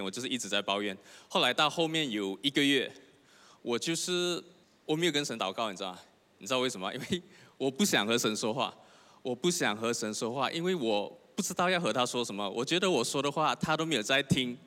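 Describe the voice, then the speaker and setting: A man's voice: medium pitch, sharp tone. A young man, preaching a sermon. He tells his own story earnestly and keeps asking the congregation questions. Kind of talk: sermon with personal testimony. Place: church hall. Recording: long hall reverb.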